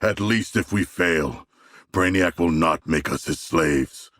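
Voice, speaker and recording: A man voicing a hulking humanoid shark warrior for a video game, gravelly, with formal, grandiose, earnest delivery. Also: sits low, slow, fairly bright tone, no room sound. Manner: formal, grandiose, stilted phrasing. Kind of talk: video game character dialogue.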